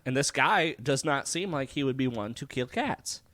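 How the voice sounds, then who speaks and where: A man talking through a film with his co-host in a loose, profane podcast chat. His pitch swings widely as he argues a point, and he often stops and restarts his sentences. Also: moderate pace. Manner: swearing, restarts, lively back-and-forth. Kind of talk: casual film discussion.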